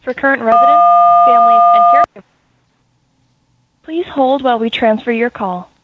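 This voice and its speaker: A woman's voice: fairly high pitch, a little fast. A woman's recorded phone menu voice reading scripted prompts, played from a phone held up to a microphone. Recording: tinny phone line through a mic, loud noise.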